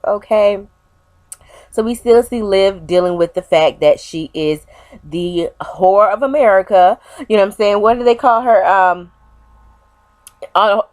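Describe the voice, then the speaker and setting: A young woman chats through a TV episode review for her vlog, animated and talking straight to her viewers. Her voice sounds a little stuffy from a cold. The recording is dry and close, with no room echo. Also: mid-range voice. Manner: animated, chatty, addresses viewers as "you guys". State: stuffy, unwell. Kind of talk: casual chatty review.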